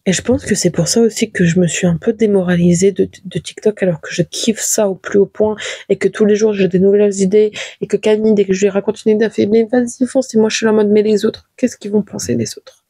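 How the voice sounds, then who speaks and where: A young woman talks through a casual confessional podcast in her bedroom. Her voice is soft and mellow with a slightly breathy edge, and the sound is dry and close. She rambles in a chatty way, full of fillers and restarts. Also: medium pitch, steady tone, quick pace, dry recording. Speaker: podcast host.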